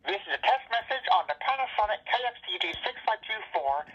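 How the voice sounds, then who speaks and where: A woman's voice: a little high, very animated, fast, husky. A woman reading out a test message, played back through a cordless phone handset speaker as she announces each test step. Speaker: person recording a test message. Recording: dull lo-fi phone speaker playback.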